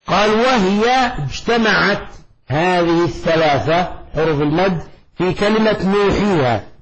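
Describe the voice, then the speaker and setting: A man teaching Quran recitation in a classroom, explaining a poem line by line and checking his students with quick questions. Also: high voice, breathy edge, lo-fi sound. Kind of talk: classroom lecture on a didactic poem. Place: classroom with a blackboard.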